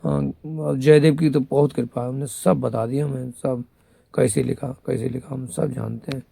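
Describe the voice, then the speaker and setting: A man's voice: mid-range voice, fairly even intonation, moderate pace, creaky, mellow, breathy edge, no room sound. A man giving a rambling devotional talk as a spiritual guide, scolding and mocking his listeners between teachings, and speaking of himself as a female companion of the goddess. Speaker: devotional guru.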